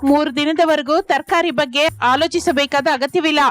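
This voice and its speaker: A woman voicing a wary, short-tempered young wife in an animated village story, speaking in brisk, clipped lines. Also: high-pitched, soft background music, close to an everyday voice.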